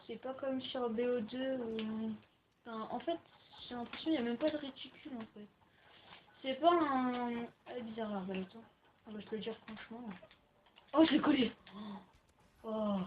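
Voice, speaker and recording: A young woman talks through a game as she plays, rambling and chatty, with frequent filler words. Her voice sits a little high. The home mic sounds slightly muffled and lo-fi, with a faint hiss underneath. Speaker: gaming video maker. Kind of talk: casual gaming commentary. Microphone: home computer microphone.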